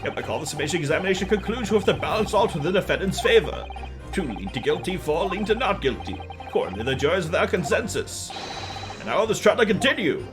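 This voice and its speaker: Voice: mid-range voice, very animated, fast talker, music in the background, lightly acted. A streamer voicing a pompous video game judge in a formal, declamatory way. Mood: solemn.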